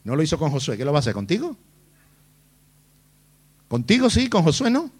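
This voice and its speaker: A man's voice: fairly high pitch, huge pitch swings, fairly quick, slightly rough. Guy preaching, voice swoops all over, loves rhetorical questions. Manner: emphatic, fires rhetorical questions at the congregation; mocks whining voices to make his point. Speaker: pastor. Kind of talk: sermon.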